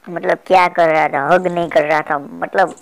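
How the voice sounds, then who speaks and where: A man's voice: a little high, steady tone, normal speed, vocal fry, low-quality recording. A man giving comedic commentary over mobile game footage, playful and teasing, mock-polite toward the opponents he trolls. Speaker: gaming channel host.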